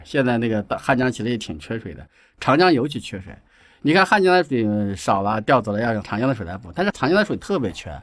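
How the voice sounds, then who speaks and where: A man from Shaanxi, a guest writer on a podcast, talking in a lively, chatty way and often laughing. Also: lowish voice, no echo, clean studio sound. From Ankang, Shaanxi, China. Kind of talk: conversational podcast interview.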